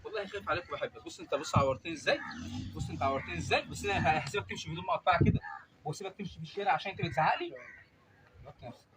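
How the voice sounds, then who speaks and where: A man's voice: on the high side, lively intonation, racing. An Egyptian man, a charity founder, coaxing and soothing a homeless man outdoors on a sunny street, pleading and affectionate. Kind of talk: coaxing street outreach talk. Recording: loud street noise behind.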